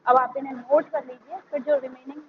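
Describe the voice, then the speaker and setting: A woman's voice: sits high, flat delivery. A woman teacher with an Indian accent, giving a vocabulary lesson to children, spelling each word letter by letter before explaining it. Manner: spells words letter by letter, then explains slowly. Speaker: school teacher. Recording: muffled lo-fi recording with faint background hiss.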